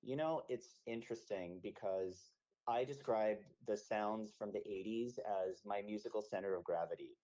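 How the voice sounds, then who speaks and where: Heard over dull, lo-fi radio audio, this Canadian man in his thirties is a musician being interviewed. He talks at normal speed in a dark voice on the low side, reflective and full of fillers and restarts.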